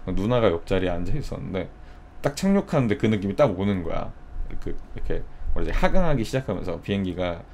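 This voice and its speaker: A man's voice: low voice, very animated, fast talker, darkish tone, slight background noise. A young man streaming, chatting casually and telling a story with acted-out quotes. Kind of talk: casual live-stream chat.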